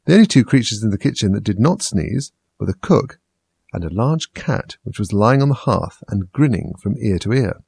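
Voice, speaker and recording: Gravelly low-voiced man reading a story. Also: very animated, moderate pace, darkish tone, no echo. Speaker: narrator.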